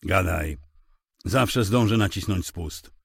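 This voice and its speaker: A man voicing a crude, furious male captor holding a gun, swearing and shouting threats. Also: low-pitched, slow, gravelly, breathy edge, dry recording, studio quality, exaggerated voice. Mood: cold.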